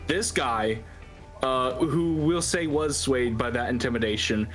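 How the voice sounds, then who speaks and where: A man narrating a tabletop game as dungeon master in a relaxed, chatty way. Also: mid-range voice, unhurried, faint music behind, low-quality recording.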